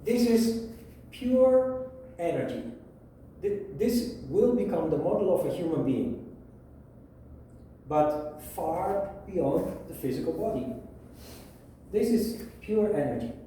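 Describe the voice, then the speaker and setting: A man teaching a yoga philosophy lesson, explaining at a whiteboard in a measured way with pauses. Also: sits high, lively intonation, dark tone, slight background noise. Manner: slow, measured, with pauses and restarts. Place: room with a whiteboard. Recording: echoey room, mic at a distance.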